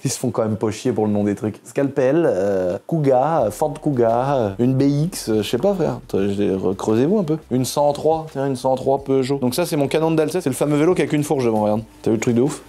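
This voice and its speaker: A man's voice: medium pitch, expressive, brisk, hardly any pauses, mellow. A man vlogging casually as he shows off his vehicles, slangy and joking with crude banter. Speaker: YouTuber showing his garage. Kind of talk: casual vlog.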